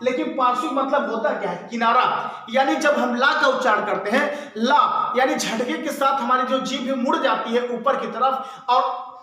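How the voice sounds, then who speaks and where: A man's voice: extremely high pitch, moderate pace, bright, forceful tone. A male teacher giving an exam-prep lesson, asking and answering his own questions and repeating the answers. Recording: very echoey room.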